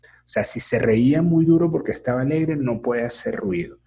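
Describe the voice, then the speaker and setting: A man speaks as an interview guest, a teacher training as a therapist. His voice is gravelly with a very husky, breathy grain. He explains things thoughtfully, pausing on fillers and checking in with "ok?". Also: medium pitch, dark tone. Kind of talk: casual explanatory conversation.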